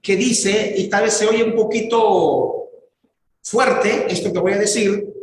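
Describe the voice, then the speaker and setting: A man preaching a sermon as pastor, fervent, building to raised, drawn-out exclamations. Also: high voice, slight background noise. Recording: very echoey church hall.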